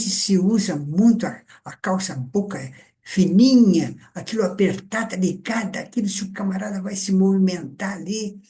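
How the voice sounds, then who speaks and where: An older man giving a lecture on communication, teaching in a deliberate, conversational way with frequent filler tags. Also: sits high, dark tone. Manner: slow, deliberate, conversational teaching with many "então" and "né". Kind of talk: lecture on speaking and presentation.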